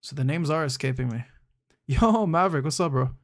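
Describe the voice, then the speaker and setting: A laid-back young male live streamer chats casually with viewers, answering them in a rather high, animated voice that runs a little fast with some vocal fry. Slangy, he calls chatters "bro" and thinks aloud, often restarting.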